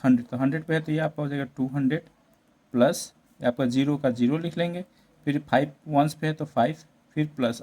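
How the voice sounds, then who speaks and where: A man's voice: a little high, a little mellow. A man teaching a maths lesson, explaining step by step, mixing English number words into Hindi and often checking in with tag questions. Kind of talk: classroom-style maths lesson.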